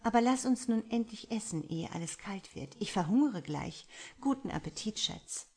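A woman's voice: mid-range voice, lively intonation, moderate pace, a little mellow, husky, voice pushed up. A woman reading an audiobook, voicing an affectionate young woman who is a little impatient with her partner. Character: affectionate, hungry young woman on a romantic getaway.

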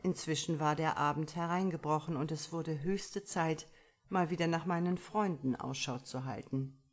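A woman reads a first-person story aloud with a deep, low voice. Her telling is measured and expressive, the steady delivery of a practiced audiobook narrator. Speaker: audiobook reader.

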